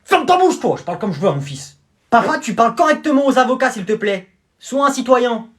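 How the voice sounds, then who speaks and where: A young performer acting out comedy sketches in many roles, with quick street slang and blustering back-and-forth. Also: mid-range voice, lively intonation.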